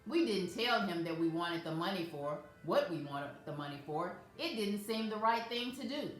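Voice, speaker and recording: A woman reading a picture book aloud to children as a storyteller, in a gentle, measured way. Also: on the low side, lively intonation. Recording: very echoey room, faint music.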